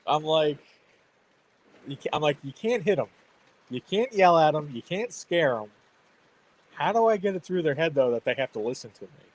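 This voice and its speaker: A man in his thirties hosting a casual chat, telling parenting stories in an animated way. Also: on the high side, slight background noise. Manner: animated storytelling with laughs. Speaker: host.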